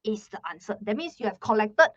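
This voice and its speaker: A woman's voice: mid-range voice, animated, brisk, no echo. A young woman teaching a live online math lesson with a Malaysian English accent, chatty and repeating her words, ending phrases with "lah". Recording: slightly muffled dry recording.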